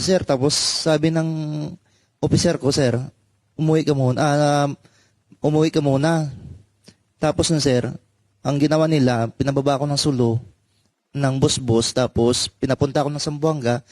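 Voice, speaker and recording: A man's voice: medium pitch, a little mellow, no room sound. A man telling a personal story in a hesitant way, with many fillers and "sir" after almost every phrase. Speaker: former marine explaining his discharge. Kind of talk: halting personal testimony.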